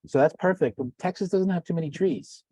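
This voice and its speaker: Male host, low, husky, mellow tone, dry close sound. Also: a little fast, dry recording. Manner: rambling, self-correcting questions. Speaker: podcast host. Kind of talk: casual interview.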